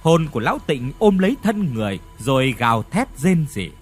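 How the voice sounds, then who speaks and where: A man narrating a ghost story in an expressive, dramatic storytelling manner. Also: fairly high pitch, a little fast, slightly rough, faint music behind.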